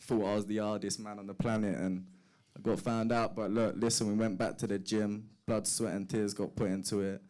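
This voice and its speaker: Low, flat-toned young man talking himself up. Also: brisk. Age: 20s. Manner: boastful, short punchy phrases. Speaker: boxer at a press conference. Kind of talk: fight promotion talk.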